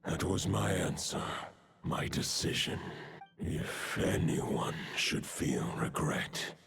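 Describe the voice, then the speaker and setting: An actor voicing an ancient, weary great wolf lord in a fantasy game, speaking slowly, solemnly and formally in a breathy, gravelly voice. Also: male voice, sits low, expressive, a bit bright, slight background noise, exaggerated voice. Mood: solemn, forbearing. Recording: music behind.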